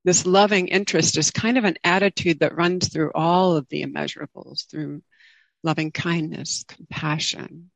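A woman giving an informal dharma talk as a meditation teacher, speaking in a gentle, reflective and halting way. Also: sits low, steady tone, creaky, no echo. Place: online group video call.

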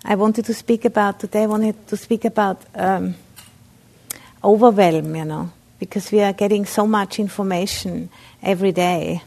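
A woman from Austria, a Buddhist nun with an Austrian German accent, gives a dharma talk at a meditation center. Her mid-range voice is a little mellow, and she speaks haltingly with many fillers and restarts.

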